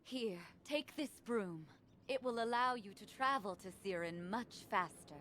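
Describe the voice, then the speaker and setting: A woman's voice: on the high side, animated, unhurried, fairly bright tone. A woman playing a solemn, kindly mentor to a young wizard in a fantasy game, formal and dramatic. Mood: urgent, ominous. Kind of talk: scripted fantasy game dialogue.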